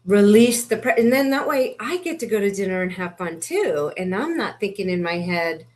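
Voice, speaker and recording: A woman's voice: mid-range voice, lively intonation, normal speed. A woman who coaches people with horses, speaking earnestly and affirming her partner in a casual interview.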